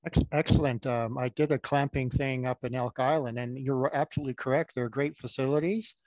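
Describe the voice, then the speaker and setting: A man's voice: mid-range voice, steady tone, brisk, darkish tone, no room sound, rough recording. A man moderating a question session on a video call, reading audience questions aloud from the chat.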